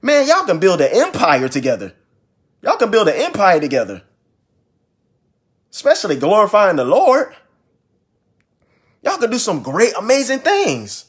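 A young man in his twenties talks straight to his listeners in a preachy, casual way, hammering points home by repeating them. His voice is husky and sits a little high, with pitch that swings widely as he presses each point. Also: huge pitch swings, unhurried, long pauses. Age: 20s. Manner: emphatic, repeats phrases for stress. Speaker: ministry vlogger.

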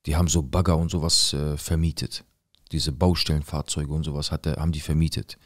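A man with a deep, low-pitched voice tells a true story from his own life in a loose, conversational way. His speech is blunt and full of street slang. He acts out the other people's lines as he goes. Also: level tone, a little fast. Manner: street slang, plain and direct; acts out quoted lines in the tale. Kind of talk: casual first-person storytelling.

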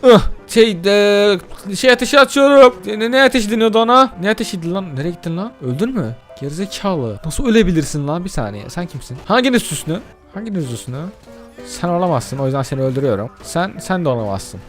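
An excitable man giving let's-play commentary, talking straight to his viewers and tossing off casual curses at the game. His slightly high voice leaps around in pitch as he reacts. Faint music plays beneath him. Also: quick pace. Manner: addresses viewers directly. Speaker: gaming YouTuber.

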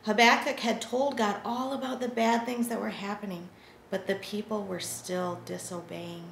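A woman's voice: medium pitch, steady tone, normal speed, vocal fry. Casting: female preschool Sunday school teacher with a kids show host delivery, simple prompting phrases, echoey room with faint noise. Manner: simple words, addressing young children with questions and prompts. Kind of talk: children's Bible lesson told like a kids show host.

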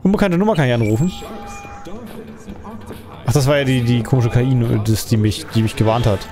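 A man narrates his own video game session in a loose, thinking-aloud way. He wanders between thoughts and often ends with a questioning tag. Quiet game music plays faintly behind his voice. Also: mid-range voice, fairly quick. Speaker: let's play gamer. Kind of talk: casual gameplay commentary.

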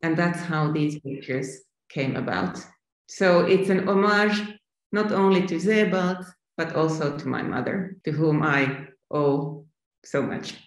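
An artist in her fifties from Finland calmly answers interview questions over a video call from a sunny room at home, picked up by her laptop camera in an echoey space. Her voice sits low and unhurried, and she is thoughtful and reflective, often restarting phrases.

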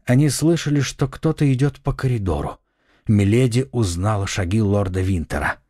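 A man narrating an adventure novel audiobook with an expressive, dramatic reading. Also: lowish voice, moderate pace, no room sound, studio quality. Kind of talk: scripted narration.

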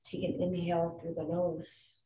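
Slow, calm woman guiding a grounding exercise. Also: on the low side, a little hiss or hum. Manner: calm, soothing, unhurried instructions with long pauses. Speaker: meditation guide. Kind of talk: calm guided grounding meditation. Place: indoor room with wooden floor and plank wall. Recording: roomy echo, distant microphone.

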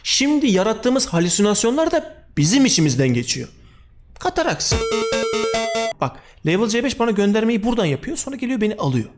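A man's voice: sits high, brisk. Jumpy young man narrating a horror game. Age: young adult. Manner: excitable, talks to himself, swears and yelps at scares. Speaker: gaming YouTuber. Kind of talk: horror game let's-play commentary. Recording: game music playing behind.

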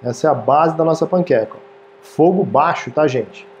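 A man in his thirties hosts a casual cooking demonstration in a small, home-style studio kitchen indoors. Friendly and chatty, he keeps checking in with viewers by asking "tá, gente?". His voice is a little high with lively intonation at normal speed, with slight background noise.

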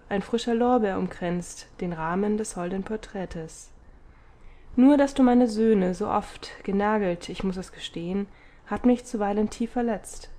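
A woman voicing a stately, motherly city goddess in an audiobook, with a measured, gently reproachful delivery. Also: mid-range voice, close to an everyday voice. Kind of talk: audiobook character reading.

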